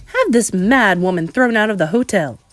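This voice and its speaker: A woman reading aloud, voicing a snobbish, easily frightened lady with a shrill voice. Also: animated, normal speed, no room sound, faint music behind, close to an everyday voice. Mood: haughty. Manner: shrill, shrieking.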